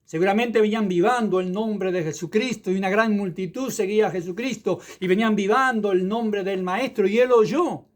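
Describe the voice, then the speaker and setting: A male evangelist with a fairly high voice delivers a passionate sermon. He drops hallelujahs between his phrases as he preaches. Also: moderate pace, hardly any pauses. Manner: fervent preaching with interjected hallelujahs.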